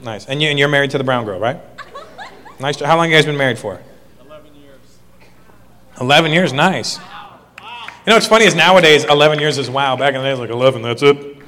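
A man's voice: medium pitch, fast, pauses often. A man doing a stand-up routine on a comedy club stage, brash and teasing, working the crowd through a handheld mic. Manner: brash, teasing, bursts into loud cackling laughter. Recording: reverberant club with audience noise.

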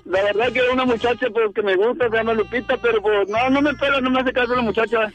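A Guatemalan man in his thirties calls in to a radio show. His voice is very high for a man and he talks quickly, hesitant and shy, stringing his thoughts along with fillers. Faint music sits underneath. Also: steady tone, fairly bright tone, lo-fi sound. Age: 30s. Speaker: radio caller.

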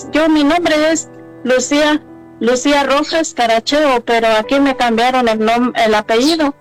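A woman giving a religious testimony, a little nervous, talking haltingly with many restarts and fillers. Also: high-pitched, poor audio. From Mexico.

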